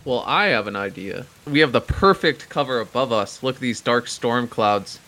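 A man's voice: mid-range voice, lively intonation, normal speed, pushed and bright, low-quality recording. A man talking casually as a player in a tabletop role-playing game, describing his character's actions.

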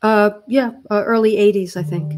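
A woman's voice: medium pitch, steady tone, normal speed, darkish tone. A woman in her sixties, a therapist co-hosting a podcast, talking in a reflective, earnest way and searching for her words. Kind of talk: casual podcast chat.

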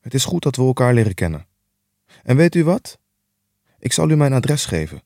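A man's voice: mid-range voice, very animated, moderate pace, vocal fry, dark tone, dry recording, studio quality. A man voicing a pale, dwarfish, secretive man who speaks curtly and snaps into anger, in a book reading. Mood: brusque. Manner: curt, turning suddenly angry.

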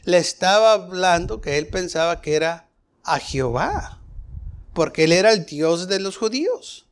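A man's voice: high-pitched, big pitch swings, unhurried. A man preaching a Bible study sermon, going through the passage verse by verse and asking his listeners questions.

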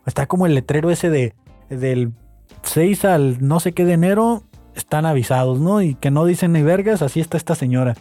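A young man with a Mexican accent hosts a podcast, retelling gossip in a slangy, casual style full of laughs and exclamations. His voice is fairly high but dark in tone, at normal speed, with no echo and faint music in the background.

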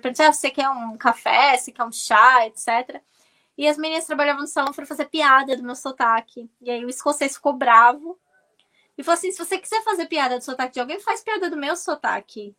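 A woman from Brazil, in her thirties, telling stories as an interview guest, animated and often restarting her words. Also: high-pitched. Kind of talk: casual storytelling.

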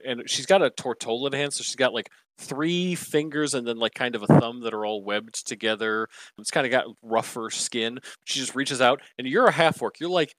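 A man's voice: medium pitch, fairly bright tone, dry recording. Chatty male game master, dry sound. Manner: loose and chatty, many fillers. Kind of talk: narrating a tabletop game.

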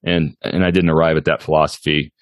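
A man's voice: a bass voice, little pitch movement, fast, no echo, clean studio sound. A man in his forties talking casually and reflectively as a solo podcast host, circling and qualifying his points as he goes. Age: 40s.

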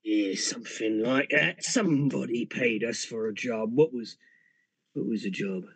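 A man acts out a gravelly hobgoblin boss for a tabletop game. He is sly and laconic, drawling his words in a close, dry recording. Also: medium pitch, unhurried, no room sound. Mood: sly, casual. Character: rough, sly hobgoblin gang boss, male, hired tracker.

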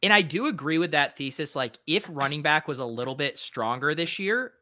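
Male co-host, slightly high, bright tone, relaxed and easygoing. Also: fairly quick, a little hiss or hum. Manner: relaxed, agreeable, casual swearing. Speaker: podcast co-host. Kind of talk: casual sports chat.

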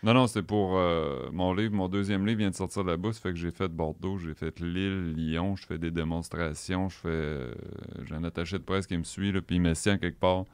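Lively Quebec French man telling stories. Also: sits low, moderate pace, hardly any pauses, clear, resonant tone, dry recording. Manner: animated storyteller, mimics others' speech. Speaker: chef and cookbook author. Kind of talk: casual podcast chat. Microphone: studio mic.

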